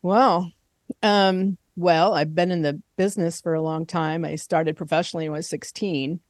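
Chatty middle-aged woman with a low voice. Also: fairly even intonation, moderate pace, dry recording, studio quality. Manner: warm, laughs easily, chatty. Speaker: guest, singer-songwriter. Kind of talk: casual interview chat.

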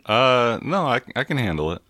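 A man's voice: mid-range voice, big pitch swings, normal speed, pushed and bright, dry recording. A man co-hosting a casual food-tasting show, joking in a mock-formal way and talking with his mouth full. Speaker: co-host.

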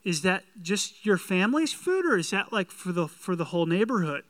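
A man's voice: high voice, sing-song, normal speed, fairly bright tone, no room sound. A man playing an astonished, curious visitor from ancient times in a sermon skit, full of wide-eyed questions. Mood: amazed, puzzled.

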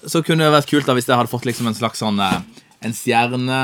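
A man's voice: mid-range voice, a bit bright, a little hiss or hum. Jokey young male podcast host. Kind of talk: casual chat.

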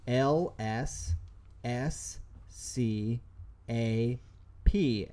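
A man co-hosts a casual comedy podcast at an ordinary pitch. He rambles, restarts his sentences and reads letters out slowly, one by one. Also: darkish tone. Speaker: podcast co-host.

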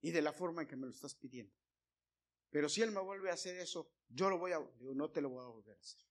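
A man's voice: a little high, expressive, fast talker. Man preaching with big swings in volume. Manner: swings from loud emphatic preaching to quiet, hushed storytelling; addresses listeners as brothers. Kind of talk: sermon.

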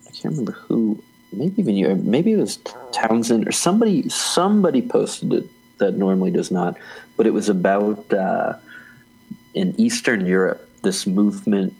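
Casting note: male podcast co-host, deep husky voice, loose rambling banter. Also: animated, moderate pace, a little mellow, rough recording. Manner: rambling, restarts often, laughs easily. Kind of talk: casual chat.

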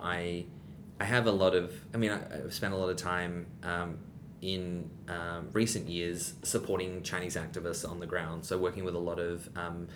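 Rumbling noise sits behind this young adult man, a guest in a relaxed interview. His speech wanders, full of fillers and frequent restarts.

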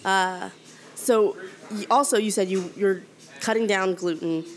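A young woman joins a relaxed conversation as a guest, her voice sitting at an ordinary pitch. She talks eagerly and chattily, with lively storytelling and frequent "like.". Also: unhurried. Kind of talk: casual chat.

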